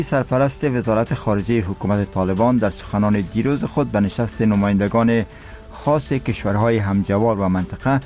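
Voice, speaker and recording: A man's voice: lowish voice, a little mellow. A man with an Afghan accent reads a scripted news bulletin in a solemn, formal manner. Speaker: radio newsreader. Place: radio studio.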